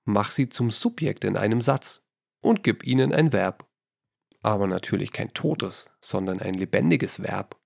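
A man's voice: fairly low pitch, creaky, a little mellow, no room sound, clean studio sound. A man hosting a creative-writing podcast, giving scripted tips straight to the listener. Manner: addresses the listener directly with instructive tips.

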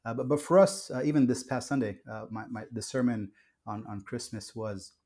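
Earnest reflective man, mellow voice. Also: medium pitch, fairly quick. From born in Kuwait, raised in the US. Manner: earnest, reflective, many restarts and fillers. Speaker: pastor. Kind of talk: podcast interview.

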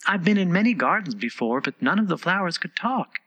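A man plays a polite little girl in a storybook, earnest and inquisitive. The voice is lifted high and moves in lively swings, quick to sound put out. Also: full character voice. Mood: curious, polite. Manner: earnest, questioning. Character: polite, curious little girl, easily exasperated.

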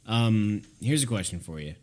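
A man's voice: on the low side, expressive, normal speed, a little mellow. A man co-hosting a casual podcast chat about films, telling stories animatedly and swearing freely. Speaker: podcast co-host.

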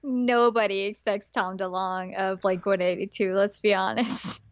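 A woman's voice: medium pitch, fairly even intonation, measured pace, no echo. A young woman co-hosting a podcast in casual chat, joking playfully, close to the mic. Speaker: podcast co-host.

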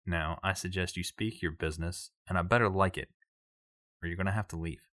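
A man doing a cold, menacing crime boss in a tabletop game, his voice deep and dropped low, hard and bright at the edges. He talks in clipped, quiet threats, recorded close and dry. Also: fairly even intonation, brisk, no room sound. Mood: cold menace.

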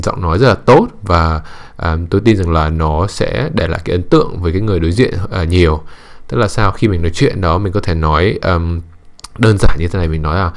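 A man giving calm dating and communication advice in a measured monologue, pausing often with hesitant fillers and dropping in English words. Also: low-pitched.

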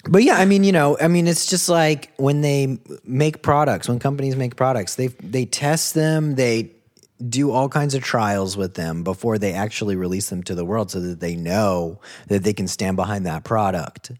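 A man in a casual podcast conversation about songwriting, rambling and relaxed with lots of fillers. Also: medium pitch, normal speed. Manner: relaxed, rambling, many fillers and "you know".

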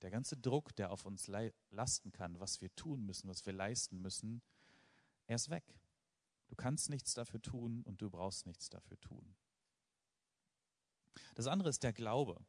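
A man with a fairly low voice preaches a sermon to his congregation. He speaks with earnest emphasis, leaning on repetition and rhetorical questions to drive each point home. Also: darkish tone. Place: church with a live congregation.

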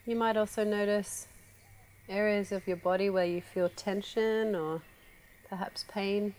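A woman guiding a relaxation meditation, speaking slowly and softly with long pauses. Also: mid-range voice. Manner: slow, soft, calm with long pauses. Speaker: meditation guide.

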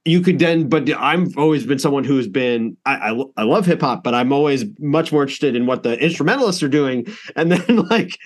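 Male podcast host, mid-pitched, loose conversational delivery, rambling and restarting often. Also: expressive, a little fast, few pauses. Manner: rambling, with frequent restarts and laughs. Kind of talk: casual podcast interview.

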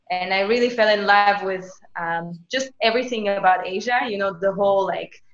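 Chatty woman, echoey lo-fi sound. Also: mid-range voice. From Slovakia. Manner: lively and chatty, with many "you know" and "like" fillers. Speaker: guest. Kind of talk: casual interview chat. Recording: echoey, dull lo-fi remote recording.

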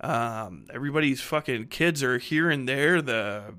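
With a smooth, sharp, medium-pitched voice and lively intonation, a thirtysomething fiction writer and podcast host speaks a little slowly. His casual monologue is unscripted and rambling, blunt, slangy and full of swearing.

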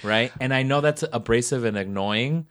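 A man chatting on a podcast in a playful, emphatic way, dropping sassy asides. His voice sits at an ordinary middle pitch. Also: moderate pace, fairly bright tone, slight background noise. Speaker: podcast co-host. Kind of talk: casual chat.

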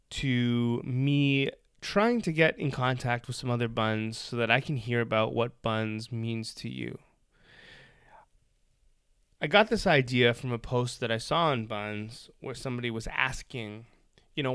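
Gravelly-voiced man hosting a podcast. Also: mid-range voice, no room sound, studio quality. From Toronto, Canada. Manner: relaxed, rambling with fillers. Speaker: podcast host. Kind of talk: casual podcast chat.

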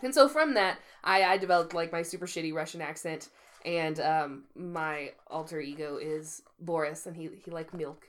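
A woman's voice: low voice, moderate pace. A woman co-hosting a podcast, telling rambling stories in casual chat and laughing often. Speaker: podcast co-host.

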